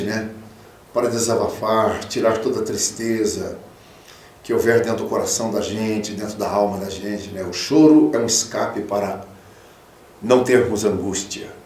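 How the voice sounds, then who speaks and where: A man, a pastor, preaching a radio sermon, fatherly and emphatic, swinging from loud peaks to soft low tones. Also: roomy sound, recorded from a distance. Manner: fatherly, calls listeners 'filho'. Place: radio studio.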